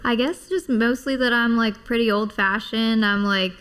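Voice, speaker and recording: A woman's voice: on the high side, moderate pace, a bit bright, smooth. A woman in her thirties, originally from Iowa, talks as a podcast guest. Her speech is casual and informal, full of little fillers as she shares her story. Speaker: guest, construction company owner. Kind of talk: casual interview chat.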